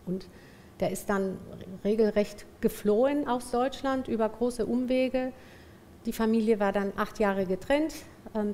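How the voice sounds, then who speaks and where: A woman born in Ecuador shares her family story at a slow, thoughtful pace. She pauses often and searches for words. A faint hum of room ambience sits behind her voice. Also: medium pitch, dark tone. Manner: slow, reflective, many pauses and fillers. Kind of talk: personal testimony.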